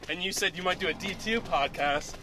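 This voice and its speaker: A man's voice: high voice, brisk. A man hosting a casual interview outdoors while he runs along. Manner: talking while running. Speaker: interview host. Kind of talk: casual chat. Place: outdoors on a run. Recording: distant mic, faint outdoor noise.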